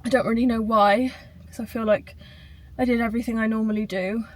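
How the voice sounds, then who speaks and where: A woman's voice: on the high side, fairly even intonation, brisk. A British woman chatting casually as a vlogger, sounding tired and rambling a little. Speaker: running vlogger. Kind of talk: casual chat to camera.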